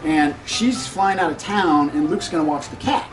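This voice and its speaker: Emotional man speaking off the cuff, music behind. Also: a little high. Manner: emotional, halting, many ums. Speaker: surgical resident giving a graduation tribute. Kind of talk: unscripted speech at a ceremony. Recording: voice a bit distant, music behind.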